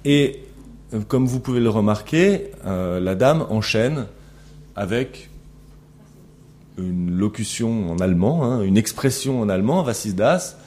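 A middle-aged male teacher lectures a class, analyzing a recorded interaction while thinking aloud with many fillers and restarts and posing questions to students. His voice is on the low side and darkish, animated but unhurried.

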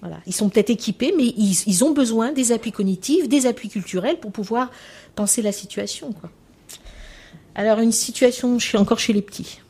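A woman's voice: on the high side, a little fast, mellow, husky. A woman lecturing on how children learn to talk, in a chatty way that keeps coming back to "hein" and "voilà". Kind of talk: spoken lecture with anecdotes.

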